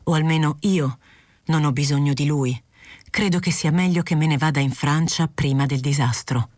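A woman reading the part of a calm, frank middle-aged male doctor who speaks in a probing, gently lecturing way, in an audiobook. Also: deep voice, normal speed, no echo, clean studio sound. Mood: earnest.

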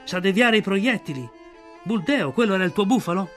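A man voicing an angry village mob, shouting shrilly in an audiobook. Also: high-pitched, animated, brisk, soft background music, pitched above the performer's own voice. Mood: hostile.

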